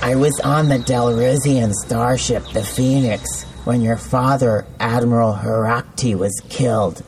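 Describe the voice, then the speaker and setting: A gruff old alien man with a brash, leering manner, as a male narrator puts him on. The voice is set a little apart from the narration, with soft music behind it. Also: mid-range voice, fairly even intonation, unhurried, lightly acted. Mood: solemn.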